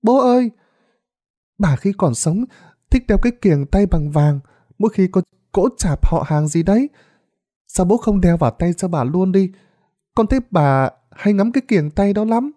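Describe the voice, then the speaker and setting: A high, strained voice for a village mourner or a small boy, put on by a man reading a ghost story. The tone is mellow and dark. The sound is dry and close. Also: animated, moderate pace, dry recording. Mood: eager. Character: wailing daughter-in-law and young village boy.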